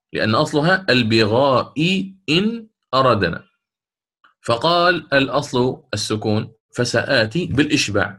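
A male teacher gives a methodical lesson on recitation rules. He repeats key points and breaks into short chanted examples. His voice sits at an ordinary middle pitch. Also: sharp tone. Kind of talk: lecture on Quranic reading rules.

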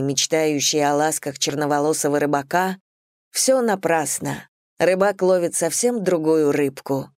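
Female audiobook narrator, low voice, measured, dry booth sound. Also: no room sound. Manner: measured, steady storytelling. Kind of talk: scripted novel narration.

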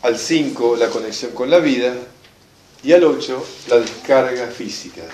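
Man, rioplatense accent, lively teacher, lecture, roomy sound, faint room noise. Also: medium pitch, normal speed. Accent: Rioplatense Spanish. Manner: lively, emphatic, asks the audience for agreement. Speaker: enneagram teacher. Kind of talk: lecturing a class. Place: classroom or hall with a live audience. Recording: echoey room, mic from a distance.

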